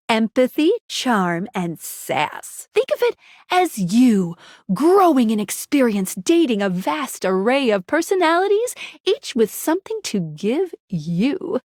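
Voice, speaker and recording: Perky high-voiced game guide Skylar. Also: female voice, no room sound, clean studio sound. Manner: bubbly, teasing, expressive delivery. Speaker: tutorial guide and dating sim character. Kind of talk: scripted video game character dialogue.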